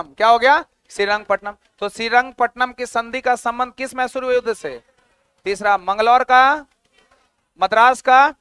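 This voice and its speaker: A man's voice: extremely high pitch, bright, forceful tone, smooth, no room sound. A male teacher giving an exam-prep history lecture, asking questions and repeating the answers.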